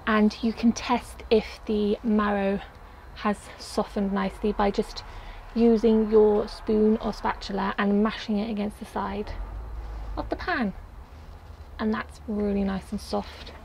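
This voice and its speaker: Cooking in a tiny potting shed kitchen, a young woman vlogger talks through her recipe step by step in a chatty, casual demonstration. Her mid-range voice is gravelly and darkish, a little slow with fairly even intonation, picked up by a nearby camera mic on poor audio with some hiss or hum.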